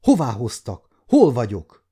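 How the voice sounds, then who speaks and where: A man's voice: medium pitch, big pitch swings, warm tone. A man in his fifties voicing a frightened, defiant young woman who cries out in anguish, read as an audiobook. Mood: frantic. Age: 50s.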